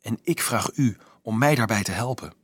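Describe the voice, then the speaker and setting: A man's voice: mid-range voice, moderate pace, fairly bright tone, slightly rough, no echo, studio quality. A man voicing an earnest, stubborn young boy in an audiobook, speaking urgently. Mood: insistent.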